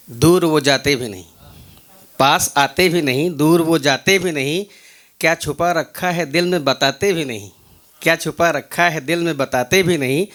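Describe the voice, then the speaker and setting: A man's voice: a little high, a bit bright. Man reciting shayari couplets. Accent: Hindi. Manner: repeats each line, quick greeting. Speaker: guest poet. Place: open mic event venue.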